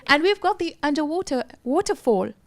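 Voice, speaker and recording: A woman's voice: high voice, expressive, brisk. A woman from Mauritius introducing her home island on a studio panel. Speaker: visiting fellow.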